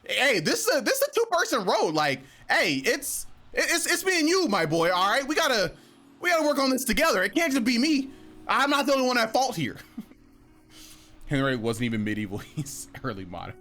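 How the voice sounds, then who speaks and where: Animated, teasing young man streamer. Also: extremely high pitch, moderate pace. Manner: playful, teasing, laughs often, animated. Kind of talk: casual chat reading viewer messages.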